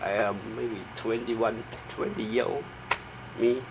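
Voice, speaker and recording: A middle-aged man from Thailand with a Thai accent answers interview questions in halting, simple English with short broken phrases, as a native Thai speaker. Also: mid-range voice. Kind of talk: informal oral history interview. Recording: noisy room with steady background hum.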